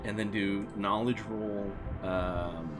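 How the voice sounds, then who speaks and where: A male game master narrates what the players learn, circling around his point with lots of filler words. His voice sits a little low. Soft music runs underneath. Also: steady tone, takes it slowly. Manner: rambling, many fillers like "like" and "you know". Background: background music.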